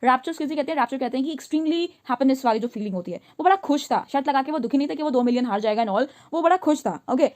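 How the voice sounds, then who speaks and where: High-voiced woman teacher explaining a story. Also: animated, a little mellow. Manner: reads English lines slowly, then explains them in chatty Hindi with rhetorical questions. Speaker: English teacher.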